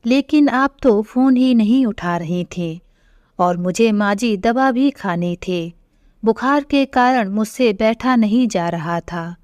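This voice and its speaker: A woman's voice: fairly high pitch, a little mellow, dry recording. A woman voicing a meek, feverish young daughter-in-law who politely pleads with her mother-in-law, on a dull lo-fi recording.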